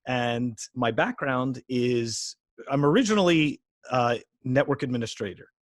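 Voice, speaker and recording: A man's voice: mid-range voice, measured pace, dry recording. Rambling man in his forties, dry sound. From Quebec, Canada. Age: 40s. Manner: rambling, many restarts and "you know"s. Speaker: podcast guest. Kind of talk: casual interview chat.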